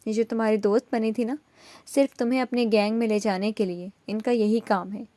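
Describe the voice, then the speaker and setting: A woman with a slightly high voice, fairly even intonation, and a near-everyday sound reads a storybook, voicing a young man who teases and then reassures a frightened girl. She sounds mocking at first, then soft-spoken and tender, teasing yet protective. There is no echo.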